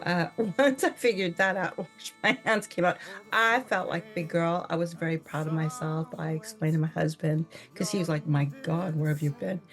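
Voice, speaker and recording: An American woman from California telling a story in a chatty way, laughing often and acting out her own reactions. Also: on the low side. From California, United States. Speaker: vlogger. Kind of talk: casual storytelling.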